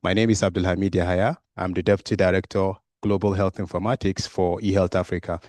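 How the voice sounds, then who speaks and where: Low-voiced man presenting, dry sound. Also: level tone, fast talker, a little mellow, no echo. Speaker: conference speaker, health informatics director. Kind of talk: informal conference presentation.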